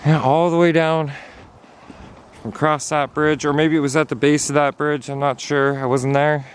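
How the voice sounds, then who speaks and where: A man's voice: on the high side, flat delivery, moderate pace, a little hiss or hum. A man narrating a casual hiking vlog outdoors on a snowy trail, chatty and at times out of breath. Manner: chatty, talking while hiking, sometimes out of breath. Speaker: vlogger.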